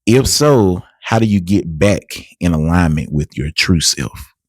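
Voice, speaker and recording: Deep-voiced encouraging male host, dry sound. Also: expressive, unhurried, darkish tone, no echo. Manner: encouraging, many affirming murmurs, motivational asides. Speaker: interview host. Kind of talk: casual interview hosting.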